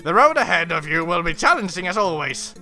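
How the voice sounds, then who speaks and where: A man's voice: fairly high pitch, sing-song, brisk, sharp tone, faint music behind, full character voice. A man putting on a chipper fake-English game character. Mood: encouraging. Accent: put-on English. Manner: exaggerated, sing-song reading.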